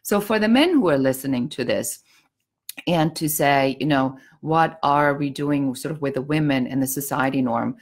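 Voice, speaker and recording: This business coach is a middle-aged woman from Germany whose very deep voice carries a German accent and moves at a normal speed. Her casual talk offers frank, outspoken business advice with a dry, sarcastic edge.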